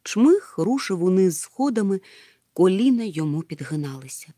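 Lady reading a kids story, very lively pitch, dry close mic. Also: normal speed, no room sound. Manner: expressive, animated. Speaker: narrator. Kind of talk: audiobook narration.

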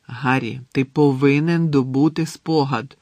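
A man voicing a clever, bossy schoolgirl in an audiobook, speaking eagerly and insistently with a gravelly, husky voice. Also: mid-range voice, steady tone, a little slow, darkish tone, no room sound. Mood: stern. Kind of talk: audiobook character reading.

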